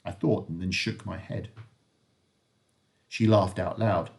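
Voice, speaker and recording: A male teacher reading a novel aloud to his class, expressive and lively, with occasional slips. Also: sits low, slow pace, creaky.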